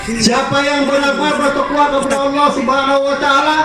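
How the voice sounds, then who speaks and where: A man preaching a sermon, asking rhetorical questions, chanting verses and shouting for emphasis. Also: extremely high pitch, level tone, brisk, distant mic, over music. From Malaysia. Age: 30s. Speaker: religious preacher. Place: outdoor stage at a mosque event at night. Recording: loud echoey outdoor PA with crowd noise. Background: crowd and ambience.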